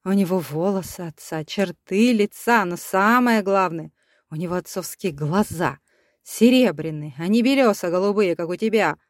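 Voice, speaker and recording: A woman's voice: fairly low pitch, moderate pace, no echo, clean studio sound, close to an everyday voice. A woman voicing a desperate young mother who speaks in a tense, pleading way in an audiobook. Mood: defiant.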